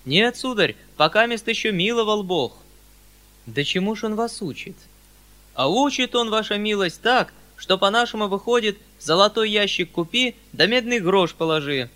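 A man voicing a talkative old bearded peasant who pleads loudly in a folksy way. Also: sits high, animated, normal speed, voice pushed up. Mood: pleading folksy.

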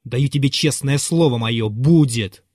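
A man doing a bitter man shouting in fury. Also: measured pace, no echo, clean studio sound, lightly acted. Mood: furious. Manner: loud, ranting and raised in pitch. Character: furious, bitter, poor man shouting at his servant.

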